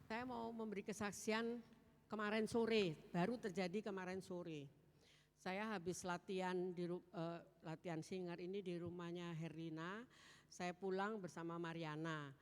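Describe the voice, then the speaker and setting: Woman telling an animated testimony in a hall. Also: lowish voice, measured pace. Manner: animated storytelling, acting out quoted voices. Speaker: church member giving testimony. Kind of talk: spoken testimony. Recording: hall with long reverb.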